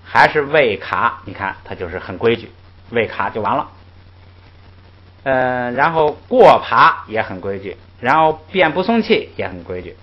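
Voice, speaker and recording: A man teaching a language class, patiently explaining rules and modeling syllables for the class to repeat. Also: medium pitch. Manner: lively, patient, interjects "ai" often, models syllables for repetition. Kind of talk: classroom lecture with call-and-repeat drills. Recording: muffled lo-fi recording.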